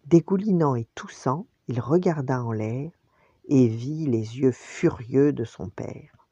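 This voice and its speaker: An older woman, a grandmother, reading a bedtime story aloud in an animated way, acting out the voices. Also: rumbling low, slow, husky, dry recording. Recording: dull lo-fi dry recording.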